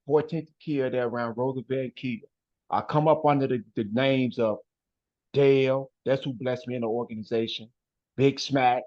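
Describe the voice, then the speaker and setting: Through a dull, lo-fi recording comes an emphatic man with a mid-range voice, a west-side Chicago guest chatting casually in an interview. He tends to close his phrases with "man" or "bro."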